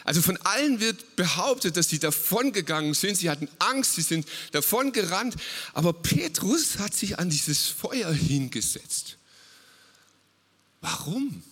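A man preaching a lively, casual sermon, retelling a Bible story and mixing English words into his talk. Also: high voice, unhurried, slightly rough, long reverb tail.

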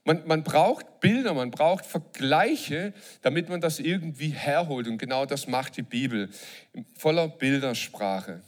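A man's voice: on the high side, unhurried. A man preaching a sermon to a live congregation, joking and asking the audience questions. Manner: lively, jokes and asks the audience questions.

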